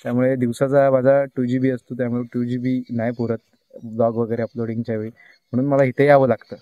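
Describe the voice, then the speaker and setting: A young man talks casually into his phone camera while standing outdoors on a village hill. He points out the view to his viewers and calls out to animals and children along the way. His pitch sits in the ordinary middle range for a man. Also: level tone, quick pace, warm tone, no room sound, lo-fi sound. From Konkan, India. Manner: chatty, explains the view, calls out to animals and kids. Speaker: village vlogger. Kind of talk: casual vlog talk to viewers. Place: outdoors on a village hilltop at evening. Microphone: phone camera held while filming.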